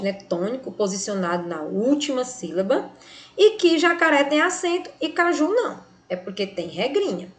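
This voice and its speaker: A Brazilian woman teaching a recorded grammar lesson, speaking slowly and clearly and stretching the example words to stress them. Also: a little high. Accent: Brazilian Portuguese.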